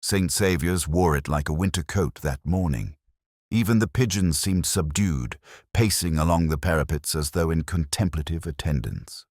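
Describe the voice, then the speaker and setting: A man playing a pensive, melancholy police inspector, narrating a mystery in measured, deliberate literary phrasing. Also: rumbling low, darkish tone, no room sound, clean studio sound. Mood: brooding, reflective. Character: pensive, melancholy male Oxford police inspector recounting a case. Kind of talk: scripted literary detective narration.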